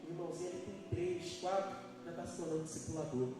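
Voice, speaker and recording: Recorded from far off in an echoey church hall with music in the background, a man with a high-sitting voice preaches a live sermon as pastor. He talks at a quick pace with a steady tone, emphatic and questioning his congregation.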